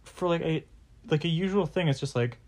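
A man's voice: fairly high pitch, fairly quick, a little mellow. A young man hosting a casual podcast, rambling with lots of fillers and offhand swearing. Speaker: podcast host.

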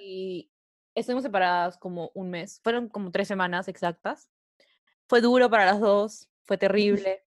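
A woman's voice: mid-range voice, moderate pace, dry recording, clean studio sound. A young woman co-hosting a casual podcast chat, giggly and gushing, with English words slipped in. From Peru. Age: young adult. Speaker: podcast co-host.

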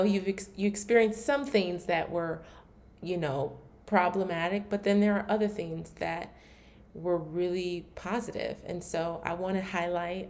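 Candid woman podcast host, lowish voice. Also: darkish tone. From Maryland, USA. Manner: candid and reflective, with frequent "like" fillers and restarts. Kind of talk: casual solo podcast talk.

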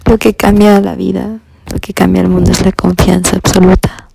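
A woman on a podcast who speaks slowly and solemnly in a philosophical, musing way. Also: medium pitch, little pitch movement, gravelly, warm tone, a little hiss or hum. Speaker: podcast co-host. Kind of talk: reflective musing.

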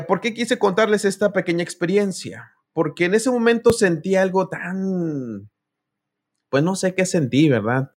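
Higher-voiced man preaching a sermon. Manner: storytelling, addresses listeners directly; reads scripture aloud.

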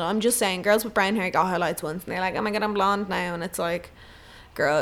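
A woman's voice: lowish voice, a bit bright. A woman hosting a casual solo podcast, rambling and swearing freely, with lots of "like". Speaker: podcast host.

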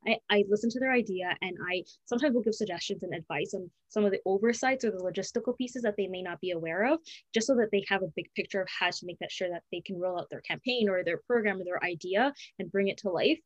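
In a rough recording without echo, a woman with a mid-range voice answers interview questions. She's a student advisor, and her replies come fast, earnest and conversational, with frequent restarts and self-corrections.

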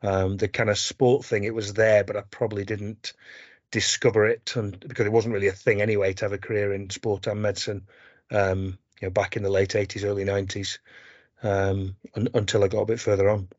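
Low, flat-voiced man. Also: brisk, no echo, highs cut off. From South Yorkshire, England. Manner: self-deprecating, many ums and restarts. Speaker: guest, sports medicine doctor. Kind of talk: casual interview chat.

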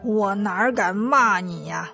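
A woman's voice: mid-range voice, measured pace, soft background music, pitched below the performer's own voice, lightly acted. A woman voicing a clumsy, cowardly male pig disciple, whining and begging with stammered fillers, in a children's story. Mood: whiny pleading.

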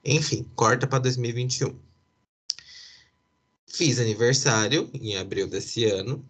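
A man's voice: mid-range voice, a little slow, fairly bright tone, husky. A young man, casually telling a personal story with lots of fillers and asides. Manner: chatty, many fillers and asides, occasional laughs.

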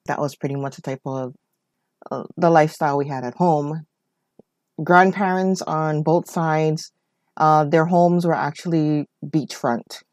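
This is a personal storytelling monologue from a podcast host, a Hawaiian woman in her 40s who wanders along conversationally, often saying "you know" and "whatnot." She speaks unhurriedly in a low, darkish voice with fairly even intonation, captured in a dry, studio-quality recording.

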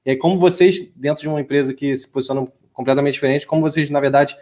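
A man with a Brazilian Portuguese accent hosting an interview, with a halting delivery that repeats words as he asks questions. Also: fairly high pitch, steady tone, darkish tone. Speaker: host, lawyer. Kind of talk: conversational interview.

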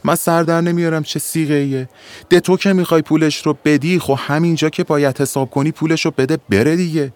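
A man's voice: a little high, animated, pitched above the performer's own voice, lightly acted. A man voicing an exasperated male bus ticket clerk who scolds and pleads in an agitated way.

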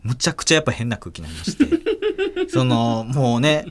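A man with a Kansai accent, hosting a podcast and telling a story in a casual, animated way, acting out voices and laughing often. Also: medium pitch, quick pace. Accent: Kansai Japanese. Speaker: podcast host.

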